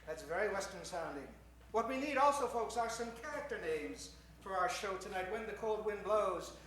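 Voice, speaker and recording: A man's high, expressive, slightly bright voice emcees a live improvised radio show at a moderate pace. Mock-formal and courteous in an old-time showman style, he plays theatrically to the audience; the distant microphone picks up an echoey hall.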